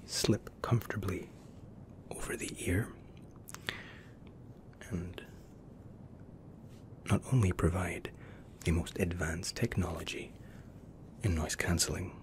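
A man's voice: sits low, takes it slowly, pauses often, slight background noise. A man in his thirties in an ASMR role-play as an attentive, reassuring first-class flight attendant with formal, soothing service patter.

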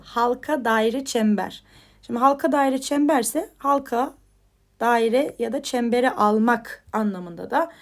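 Chatty woman teaching English vocabulary. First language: Turkish. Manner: explains each word in a chatty, informal way and often asks "tamam mı?"; says the English headword louder and higher, then drops quieter to explain. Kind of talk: vocabulary lesson.

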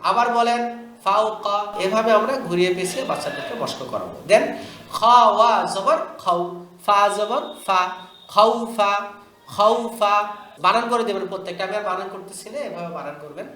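A man teaching teachers how to read the Quran to children, drilling syllables in a slow sing-song chant between brisk explanations. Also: high voice, sharp tone, heavy reverb.

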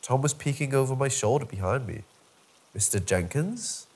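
Husky man narrating a horror story. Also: mid-range voice, fast talker. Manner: wry, dark-humoured storytelling. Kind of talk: scripted first-person horror narration.

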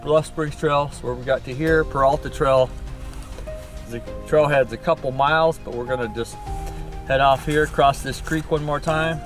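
A middle-aged man chats casually as a hiking companion. His voice sits slightly high and he is tired. He is outdoors on a trail, picked up by a handheld camera, with loud music over him. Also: fairly even intonation, moderate pace. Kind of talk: casual chat.

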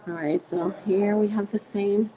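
A woman in her fifties walks through a shop while streaming live on her phone. She talks at an easy, unhurried pace, gushing over what she sees, laughing a lot and greeting viewers by name. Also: mid-range voice, steady tone, very noisy. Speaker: vlogger hosting a live stream. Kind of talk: chatty live shopping stream. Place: indoor retail shop.

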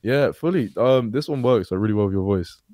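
A man co-hosting a casual podcast chat, reacting with excitable, hyped-up praise and a lot of laughing. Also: lowish voice, a little fast, no room sound, studio quality. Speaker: podcast co-host.

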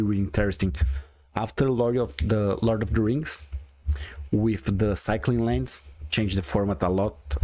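In a dry recording, a man's somewhat low, slightly mellow voice offers casual commentary on his own card game. He's a gaming video creator in his forties with a strong Brazilian Portuguese accent, chatting and thinking out loud.

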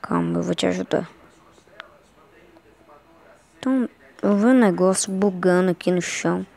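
A woman's voice: lowish voice, moderate pace, creaky, darkish tone. A Brazilian woman giving casual, scared and anxious commentary while playing a horror game, often repeating short phrases. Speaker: gaming streamer.

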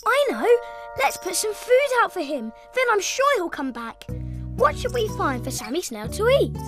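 An actor voicing a cheerful, helpful young cat in a preschool cartoon, asking clear, encouraging questions. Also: very high voice, very animated, normal speed, music in the background, heavily acted. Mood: helpful, kind. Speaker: lead character addressing young viewers. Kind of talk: preschool animated show dialogue.

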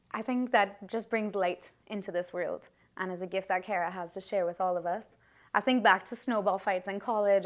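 An earnest woman in her thirties gives a wedding toast, speaking heartfelt and a little halting, with frequent pauses and restarts. Her voice sits in a middle pitch for a woman. She speaks into a handheld microphone in a reception hall. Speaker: maid of honor.

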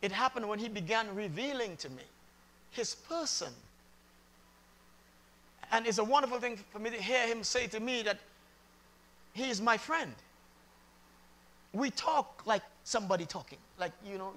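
A man's voice: high voice, animated, moderate pace, pauses often, sharp tone. A man preaching a sermon in a conversational way, repeating phrases and laughing often.

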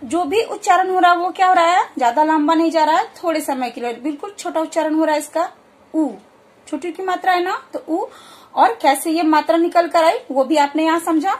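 Woman teacher, high voice, patient and repetitive, for a children's alphabet lesson. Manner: patient, repeats words slowly for practice. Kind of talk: explaining a Hindi alphabet lesson.

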